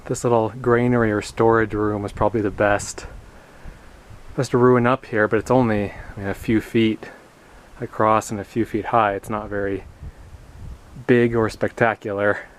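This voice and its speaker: A man's voice: fairly low pitch, level tone, normal speed. A man vlogging casually inside a huge rock cave, his voice echoing off the walls, with a plain-spoken, offhand manner. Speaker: hiking vlogger. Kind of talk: casual vlog narration.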